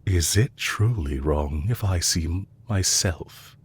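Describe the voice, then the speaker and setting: In an audio roleplay, a man voices a composed, courteous villain leader, addressing a captive he's fond of in a measured, formal manner. His voice is deep with a breathy edge, and the heavily acted delivery comes across as earnest and confessional.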